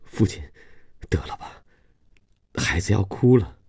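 Anxious young wife voiced by a man, pleading and quick, dry close reading. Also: low voice, lively intonation, vocal fry, a little mellow, slightly rough, no echo, voice pushed up, full character voice.

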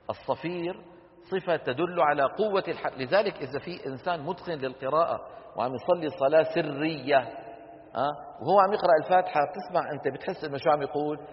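A man teaching Quran recitation to a class, explaining patiently, quizzing students with rhetorical questions and demonstrating sounds. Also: on the high side. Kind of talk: classroom lecture on tajweed. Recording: lo-fi hall recording with long reverb.

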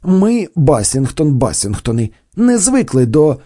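A man's voice: on the high side, big pitch swings, measured pace, mellow, no room sound, clean studio sound. A man doing a haughty young aristocrat. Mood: indignant. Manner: indignant, breezy. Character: haughty young aristocrat, proud of his family.

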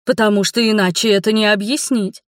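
A woman's voice: medium pitch, fairly even intonation, brisk, no echo, studio quality, lightly acted. A woman voicing a chatty, kindly older townswoman who exclaims dramatically, in an audiobook reading. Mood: gossipy.

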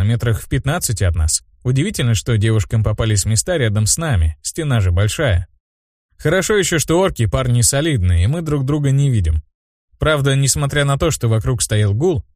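Expressive male audiobook narrator. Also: medium pitch, dry recording, studio quality. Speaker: audiobook reader.

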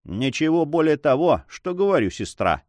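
A man's voice: fairly high pitch, big pitch swings, normal speed, darkish tone, dry recording. Man doing Don Sancho, a teasing young nobleman. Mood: earnest. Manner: ironic, light, bantering.

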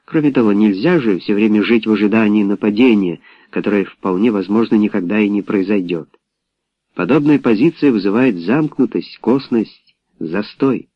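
A man narrating an audiobook in a steady storytelling manner. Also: on the low side, no room sound. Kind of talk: scripted narration. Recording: dull lo-fi audiobook recording.

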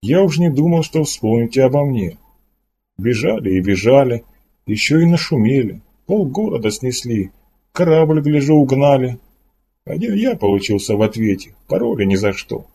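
A man voicing a freed male slave in an audiobook, talking in a halting, disbelieving way with a raised voice. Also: mid-range voice, sing-song, mellow, slight background noise. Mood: grumbling. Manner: hesitant, halting, incredulous. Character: rescued middle-aged male slave, bewildered and pleading.

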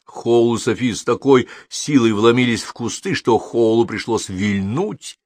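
A man reading a novel aloud as audiobook narrator, with steady, measured storytelling. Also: medium pitch, no echo, studio quality. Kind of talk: scripted narration.

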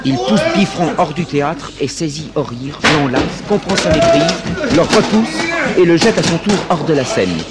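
A man's voice: on the high side, lively intonation, normal speed. A man narrating the stage directions of a 1950s French radio play.

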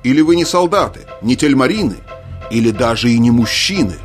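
Guy doing a mad usurper king, blustering, scornful, yelling at his lords. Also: medium pitch, brisk, music in the background, natural voice. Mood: angry. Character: angry proud middle-aged usurper king.

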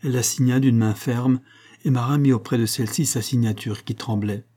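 A man reading a novel aloud as narrator, with steady, measured delivery. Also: mid-range voice. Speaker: audiobook reader.

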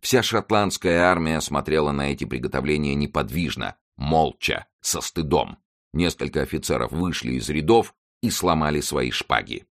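A man reads an adventure audiobook in a steady, dramatic way. His voice sits very low and deep. The reading is scripted and evenly paced. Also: normal speed, no echo, clean studio sound. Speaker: audiobook narrator. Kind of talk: scripted narration.

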